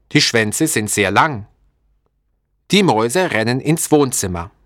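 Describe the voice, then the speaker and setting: Slow, expressive male storybook narrator. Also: mid-range voice, no room sound, clean studio sound. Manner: clear, deliberate, expressive.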